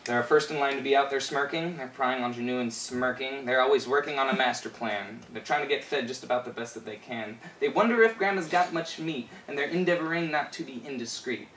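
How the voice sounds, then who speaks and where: With a medium-pitched, rather bright voice, a twenty-something performer recites a rhyming fairy tale in spoken-word style, a little fast and with few pauses, keeping it playful and rhythmic. The setting is a small bare room indoors. Captured on a distant camera mic, the audio is roomy and carries background noise.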